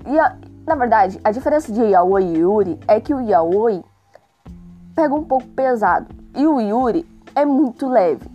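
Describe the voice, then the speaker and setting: A woman's voice: fairly high pitch, animated, normal speed, warm tone, dull audio. A young adult woman with a Brazilian accent and a sore, worn throat, narrating casually in a chatty, joking, self-deprecating way with exasperated asides. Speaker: host reading a magazine aloud. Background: music.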